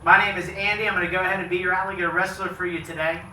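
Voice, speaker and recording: Bright, high-pitched showman in echoey space. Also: level tone, racing. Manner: projecting, joking. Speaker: alligator wrestling show presenter. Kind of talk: live show patter to an audience. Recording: echoey, slightly distant, faint noise.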